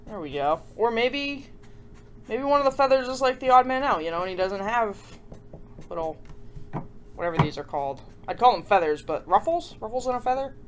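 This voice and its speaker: Animated and a little fast, this woman's slightly high voice carries over slight background noise. She hosts a children's craft show, keeping the tutorial chatty and informal while making fun of herself and often asking viewers how things are going.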